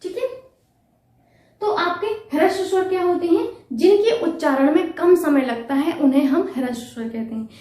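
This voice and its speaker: A woman's voice: very high-pitched, lively intonation, normal speed, a little mellow, distant mic. A woman teaching a Hindi grammar lesson for exam preparation. She asks her students questions and answers them herself, patiently repeating the key terms. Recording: echoey room, voice away from the mic.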